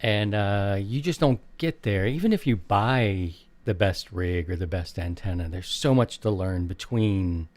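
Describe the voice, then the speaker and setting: A man's voice: fairly low pitch, a little slow, few pauses, darkish tone, dry recording. A man hosting a show, chatting casually and informally. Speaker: show host. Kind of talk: casual chat.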